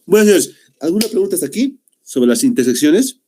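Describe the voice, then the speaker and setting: The recording carries a little hiss or hum as a young man with a fairly high, very animated, mellow voice teaches an online class by video call. Speaking a little fast, he explains patiently, checking in with "¿no?" after every point and often repeating "muy bien."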